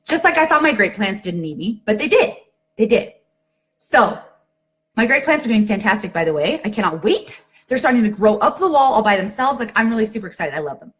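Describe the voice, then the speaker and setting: Animated chatty woman, lively pitch. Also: brisk. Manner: chatty, lots of "like" and "okay?", animated storytelling. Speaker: network marketing team leader. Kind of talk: casual live video talk to her team.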